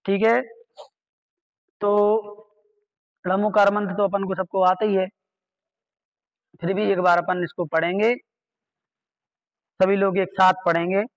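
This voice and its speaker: A man's voice: high-pitched, little pitch movement, takes it slowly, long pauses, lo-fi sound. A man teaching an online scripture class, patiently repeating key words and quizzing his listeners. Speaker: religious studies teacher.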